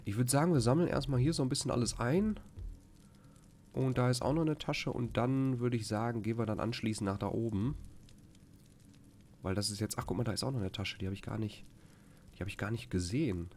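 German-accented guy, mid-pitched, rambling let's-play chatter with faint game noise under him. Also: a little fast, pauses often, darkish tone. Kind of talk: casual gameplay commentary.

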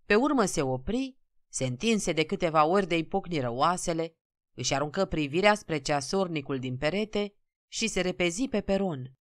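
A woman narrating a classic story as an audiobook, steady and expressive. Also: sits low, dry recording.

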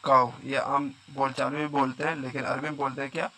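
A man's voice: mid-range voice, level tone, a little fast, bright, forceful tone. A man teaching a vocabulary lesson, repeating each word and quizzing the listener. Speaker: Arabic teacher.

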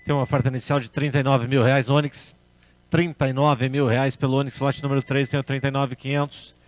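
A man's voice: medium pitch, little pitch movement, brisk. A man working as an auctioneer, calling bids at a car auction in a repetitive chant.

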